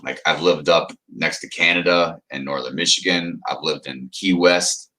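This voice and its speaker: An American man hosts a livestream, rambling and chuckling in casual chat while reading viewers' comments aloud and addressing them by name. His very deep voice is bright and forceful, with a steady tone and moderate pace.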